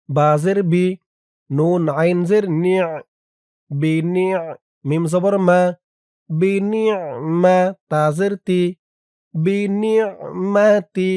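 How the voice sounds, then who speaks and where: A man with a Bangladeshi Bengali accent teaching Quran reading, spelling Arabic words syllable by syllable and reciting them in a slow drawn-out chant. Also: high voice, clear, resonant tone, dry recording, clean studio sound. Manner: speaks to viewers directly in quick, soft-spoken asides.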